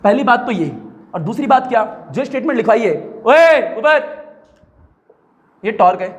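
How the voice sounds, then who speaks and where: Man, physics teacher, very high voice, chatty lecture style, keeps repeating key terms. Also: lively intonation, moderate pace. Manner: chatty, repeats key words, prompts students to answer. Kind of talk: classroom lecture dictating notes.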